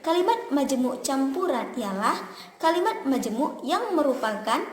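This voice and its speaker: A young woman, a student presenter, reading a class presentation slowly with pauses between phrases. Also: high voice, very animated, roomy sound. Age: young adult.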